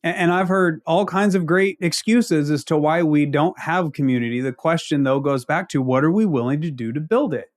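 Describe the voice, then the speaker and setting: Male panel guest, Ozark accent, slightly high pitch, conversational advisor who presses points with rhetorical questions. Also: moderate pace, hardly any pauses. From Ozarks, United States. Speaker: leadership consultant, panel guest. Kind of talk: conversational advice in a panel discussion.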